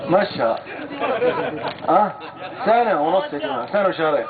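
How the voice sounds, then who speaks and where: A man's voice: fairly high pitch, lively intonation, moderate pace. A man preaching a sermon with a Saudi Gulf accent, telling stories and speaking emphatically, often swearing oaths and addressing the crowd directly. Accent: Saudi Gulf Arabic. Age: adult with a young daughter. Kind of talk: sermon with storytelling. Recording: tinny lo-fi phone-like recording with faint hiss.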